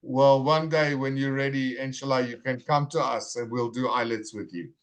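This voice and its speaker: Running his online English lesson on a video call, a man speaks at an ordinary mid pitch with fairly even intonation. He stays warm and encouraging, and he carefully slows to say every student's name clearly.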